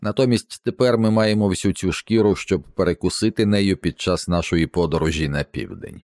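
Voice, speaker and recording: A grim middle-aged ship's captain, read by a man in an audiobook, speaks in firm, measured orders. The voice sits very low and rumbling. The sound is dry and close. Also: animated, a little mellow, no echo. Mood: stern. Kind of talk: audiobook character reading.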